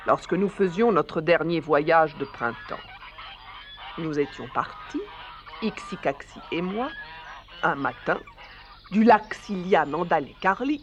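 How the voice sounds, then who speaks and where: A man voicing an old wise leader goose who recounts a journey in a slow, measured way for a radio drama reading. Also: a little high, slight background noise. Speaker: storyteller figure.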